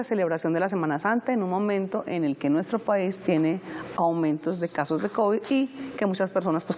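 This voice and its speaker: A woman's voice: fairly low pitch, darkish tone, slight background noise. A Colombian woman hosting a conversational television interview. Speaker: TV host interviewer.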